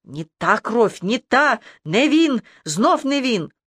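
A woman reading aloud puts on a pack of small night creatures from a storybook, screeching in high, grating voices and snapping out short repeated words. The sound is dry and close, with no room around it. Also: sing-song, takes it slowly, slightly rough, no echo, heavily acted. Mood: screeching eager.

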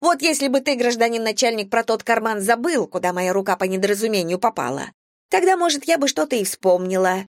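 A sly, whining homeless woman, as a woman reader puts her on, her voice pitched well above normal and swinging into pleading wails. She wheedles and bargains like a street hustler in an audiobook. The recording is dry and close. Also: expressive, a little fast, no echo, close to an everyday voice. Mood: wheedling. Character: whiny cunning homeless woman, middle-aged. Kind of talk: audiobook character voice.

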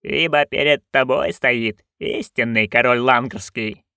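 A man voicing a stern old witch in an audiobook, talking in a quiet, clipped, dry way. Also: mid-range voice, slow, creaky, clean tone, no echo, full character voice. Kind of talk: audiobook character voice.

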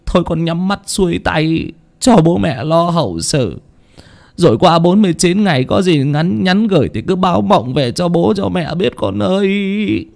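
High wailing mother voice, grieving and sobbing, a guy putting it on in an audiobook. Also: creaky, darkish tone.

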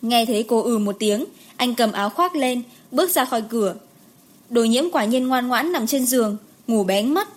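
A woman reading an audiobook in an even storytelling way. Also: a little high, moderate pace. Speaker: audiobook narrator. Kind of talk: scripted narration.

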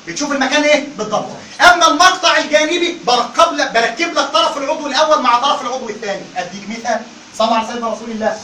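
An Egyptian man lecturing a classroom on Quran recitation, fired up and constantly prodding his students to answer. His voice is high and bright, and it comes from a bit away from the mic in an echoey room. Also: far from the mic, a little hiss or hum. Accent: Egyptian Arabic. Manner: animated, keeps calling on the class to answer.

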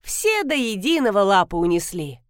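A woman voicing an excitable female blogger who boasts about her husband in a loud, gushing way. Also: mid-range voice, moderate pace, clear, resonant tone, no echo, studio quality, natural voice. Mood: boastful. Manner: loud, gushing, fanciful storyteller.

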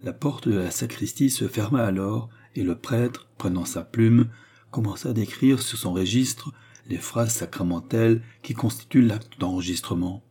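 Male audiobook narrator, dark husky voice, steady storytelling. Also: fairly low pitch, moderate pace. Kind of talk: scripted narration of a classic novel.

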